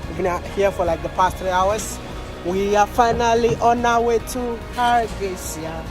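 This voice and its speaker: A man's voice: high-pitched, measured pace, over music. A man from Ghana vlogging his travels in an upbeat, chatty way, full of curious questions. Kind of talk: casual travel vlog narration.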